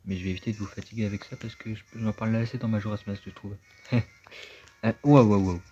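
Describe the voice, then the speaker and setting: A man with a low voice chats his way through a video game, thinking aloud as he plays. The sound is dull and lo-fi. Soft game music runs underneath. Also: fairly even intonation, fast talker. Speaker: let's play gamer. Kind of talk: casual gameplay commentary.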